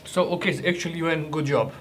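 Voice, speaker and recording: A man's voice: on the high side, fairly even intonation, fast talker, a bit bright, a little hiss or hum. Joking man tasting rations. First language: Croatian. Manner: chatty, joking, restarts and hesitations. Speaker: ration reviewer. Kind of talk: casual food review vlog.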